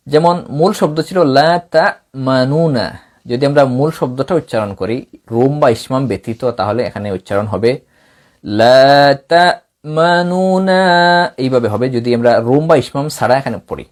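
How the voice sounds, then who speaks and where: A middle-aged man from Bangladesh, a Quran recitation teacher giving a tajweed lesson in a measured, explaining way, now and then breaking into chanted recitation. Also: mid-range voice, darkish tone.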